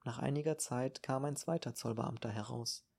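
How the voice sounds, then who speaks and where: A man reading an audiobook in a calm, measured narration. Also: medium pitch, creaky, slightly rough. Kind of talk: scripted narration.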